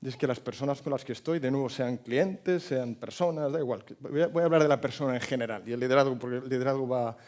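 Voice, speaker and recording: An animated man in his fifties with a Spain Spanish accent, speaking to an audience at a forum. He tells a personal story in a lively way, asks the crowd questions and gets them to join in. His voice sits at an ordinary middle pitch for a man. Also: fast, hardly any pauses. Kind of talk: motivational talk with storytelling.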